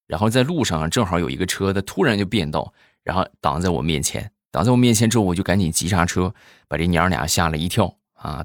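Comedian, male, low voice, dry close mic, lively storyteller. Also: no room sound. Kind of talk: stand-up joke telling.

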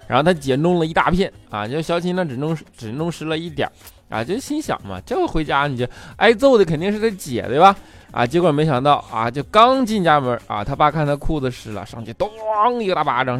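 A man telling comic stories as a host, jokey and lively, acting out quoted people in raised voices. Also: mid-range voice. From Northeast China. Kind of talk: comic storytelling monologue.

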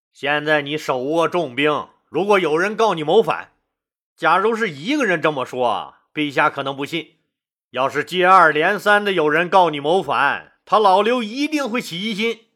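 Man doing a hushed, shrewd old general. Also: a little high. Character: shrewd, proud male general, confiding.

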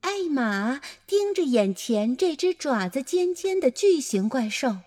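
A woman reading a children's story aloud in a playful, animated way. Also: sits high, unhurried.

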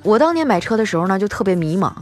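A woman's voice: medium pitch, very animated, racing, soft background music. A female host telling scripted comic stories in a playful way, chuckling between jokes.

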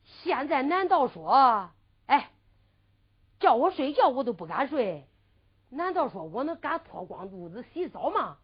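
A sly young man in disguise, put on by a woman storyteller, grumbling under his breath and whining his stubborn refusals. The voice sits high and swoops lively. The old recording sounds dull and lo-fi. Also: unhurried, husky, heavily acted. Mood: scheming mutter. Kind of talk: traditional storytelling with sung ballad.

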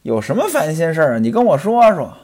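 A man's voice: fairly high pitch, huge pitch swings, fast talker, a little mellow. A man voicing a rich, blustering male patron who teases and scolds his friend. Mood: teasing. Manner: teasing, scolding.

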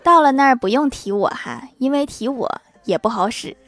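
Against a noisy background, a woman with a fairly high voice reads out one short funny anecdote after another at normal speed. Her intonation is lively, she narrates like a storyteller, and she gives a soft chuckle whenever a punchline hits.

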